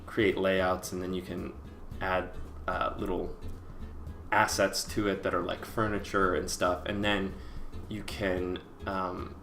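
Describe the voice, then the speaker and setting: A man with a low voice that frays into gravelly vocal fry as his phrases end. He rambles casually through a speedpaint voice-over, thinking aloud in a hesitant, self-deprecating way. Faint music plays behind him. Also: little pitch movement, slow, a bit bright. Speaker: webcomic artist and video creator.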